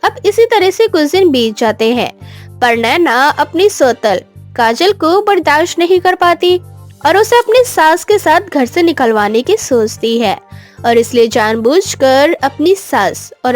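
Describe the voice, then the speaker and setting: A woman reads a moral story from a script in an unhurried way. Her voice is high and very animated in pitch, with faint music playing underneath.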